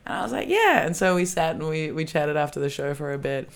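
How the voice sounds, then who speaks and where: Low-voiced Australian woman telling a story. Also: fast talker, clean tone. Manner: animated storytelling, acting out quotes. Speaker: comedian guest. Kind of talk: casual podcast chat.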